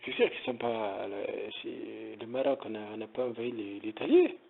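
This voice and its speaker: A man's voice: on the low side, lively intonation, normal speed, gravelly, slightly rough. A man rambling casually in a joking, digressive monologue, with a tinny phone-like sound. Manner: joking, digressive, slips into mock Italian. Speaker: content creator talking about modeling.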